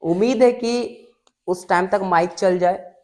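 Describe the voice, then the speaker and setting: Slow, patient woman teacher. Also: medium pitch, a little mellow. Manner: patient, addresses students as "babu"; repeats and drills English sentence patterns. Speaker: English teacher. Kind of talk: classroom grammar lesson.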